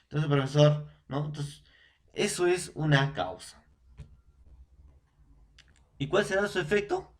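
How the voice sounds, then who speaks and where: A Peruvian language teacher with a fairly high-pitched voice gives a recorded lesson slowly, pausing often. Speaking directly to young students, he repeats points and keeps checking their understanding with "¿no?" and "entonces".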